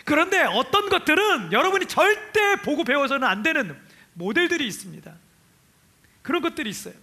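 A male pastor from Chungcheong preaching a chatty, animated sermon and laughing with the congregation. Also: very high-pitched, a little fast. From Chungcheong, Korea.

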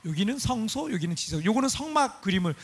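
High-voiced husky male pastor preaching. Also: quick pace. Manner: animated, asks the congregation rhetorical questions; explains points with pictures shown on screen. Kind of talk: sermon.

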